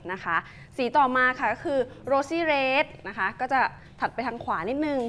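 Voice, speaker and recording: A woman presenting a cosmetic product on a TV show, explaining it politely and steadily, with soft background noise. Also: sits high, unhurried. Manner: polite, uses ค่ะ and นะคะ a lot, explains steadily. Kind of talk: casual product demo chat. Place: TV studio.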